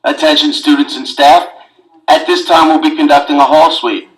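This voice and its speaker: A man making a formal school announcement over a PA loudspeaker, giving firm, measured instructions. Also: on the high side, fairly even intonation. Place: classroom, speaker mounted in the room. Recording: echoey loudspeaker heard from across a classroom.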